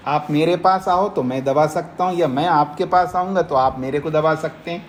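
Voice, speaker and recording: A man's voice: a little high, slight background noise. A man teaching a philosophy class, explaining step by step and often asking the listeners if they follow. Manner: explains slowly, keeps checking the listeners follow. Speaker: teacher of Nyaya philosophy, swami. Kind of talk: Hindi scripture lecture to a class.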